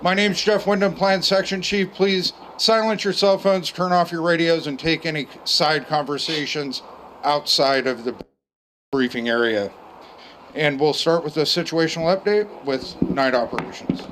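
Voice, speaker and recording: An American man leading a formal operational briefing as section chief, reading procedures and lists in measured phrases. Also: a little high, fairly bright tone, a little hiss or hum, rough recording.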